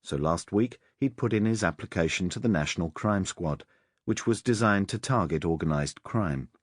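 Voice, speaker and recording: A man narrating a crime novel audiobook in a measured, expressive storytelling manner. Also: deep voice, no echo, clean studio sound.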